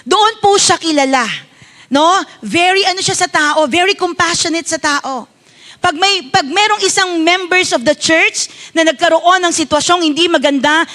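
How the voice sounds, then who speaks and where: A Filipino woman pastor delivers a sermon in a high, light voice. She speaks politely and tells a personal story as a mother, often turning to her congregation for an amen or a nod of agreement. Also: moderate pace, fairly bright tone. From Philippines.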